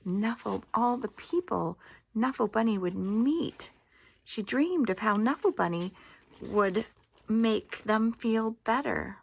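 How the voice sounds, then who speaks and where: Creaky grandmotherly woman reading a storybook. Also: a little high, animated, slow. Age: older. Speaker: storyteller reading a picture book aloud. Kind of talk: expressive read-aloud of a children's story.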